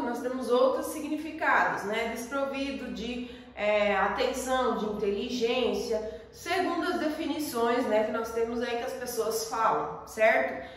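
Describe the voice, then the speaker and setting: A Brazilian woman teaching a school lesson, explaining patiently and often checking in with her class. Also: fairly high pitch. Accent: Brazilian Portuguese. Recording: echoey room, voice from far off.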